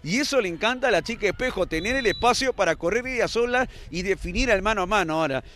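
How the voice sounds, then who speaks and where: A Peruvian man co-commentates on football in a notably high voice. He talks conversationally and chattily, often tagging his remarks with little questions. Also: animated, quick pace, a bit bright, a little hiss or hum. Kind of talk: conversational match commentary with greetings and sponsor reads.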